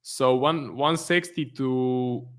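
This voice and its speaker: A trading livestream host from Croatia takes it slowly, speaking accented English in a medium-pitched voice. He hosts in a relaxed style, voicing viewer questions and answering them as casual commentary.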